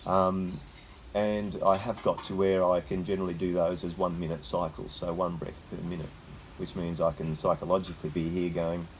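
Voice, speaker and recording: An Australian man talking casually and haltingly as host, with a slight cold shiver in his voice as he sits in icy water. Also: low voice, level tone, slight background noise, poor audio. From Queensland, Australia. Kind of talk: casual unscripted talk. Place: sitting in a freezer full of icy water.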